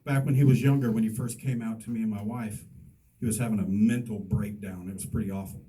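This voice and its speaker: On a comedy stage before a live crowd, a middle-aged stand-up comedian rambles through an anecdote full of self-mocking asides. His voice is fairly low, warm, and fast, with fairly even intonation. He sits somewhat back from the mic, and faint room ambience is audible.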